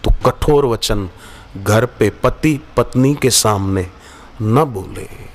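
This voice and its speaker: A man speaks extremely slowly in a lowish voice as he delivers a devotional sermon at an ashram gathering. A spiritual teacher, he tells stories, acts out dialogue and quotes Sanskrit verses.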